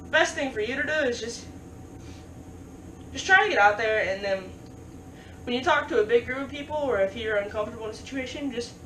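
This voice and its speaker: A woman talks fast in a casual advice vlog, stuttering and restarting as she jokes along. Her voice sits a little high. She sounds a bit away from the mic in an echoey room with faint noise behind her. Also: fairly bright tone, recorded from a distance. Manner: jokey, often laughing at her own lines. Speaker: vlogger giving advice.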